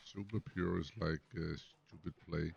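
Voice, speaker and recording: This man's voice sits low, with fairly even intonation, a slightly slow pace, and a creaky, breathy edge. He comments on his own backgammon match in English, which isn't his first language, musing analytically over moves half to himself. The recording is dull and lo-fi.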